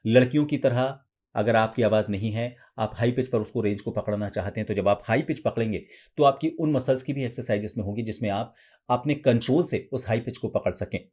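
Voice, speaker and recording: Male voice coach, mid-range pitch, calm step-by-step teaching, occasional higher-pitched demos. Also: brisk. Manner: patient, step-by-step explaining, demonstrates lines in a raised feminine pitch. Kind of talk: instructional explanation.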